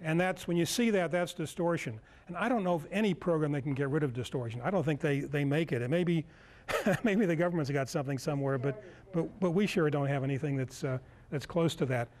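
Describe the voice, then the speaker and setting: An American-accented man in his sixties thinks aloud through a halting, informal demonstration in a meeting room. His voice is on the high side and a little mellow.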